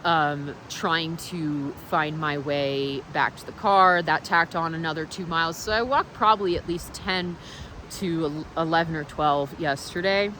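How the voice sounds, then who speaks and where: A woman vlogger giving a casual, motivational monologue, speaking candidly and reflectively with halting pauses. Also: low voice, steady tone, sharp tone, a little hiss or hum, poor audio.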